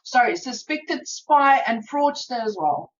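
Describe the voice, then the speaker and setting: A woman's voice: high voice, expressive, a little slow. A woman co-hosting a podcast, chatting casually and thinking aloud with hesitant restarts. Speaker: podcast co-host. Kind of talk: casual chat. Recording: dull lo-fi sound with faint noise.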